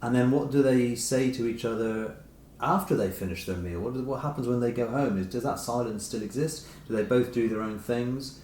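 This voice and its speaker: A middle-aged man who writes books answers interview questions reflectively and tentatively, rephrasing his thoughts. He has a mid-range, darkish voice at normal speed, recorded with roomy echo and clear background noise.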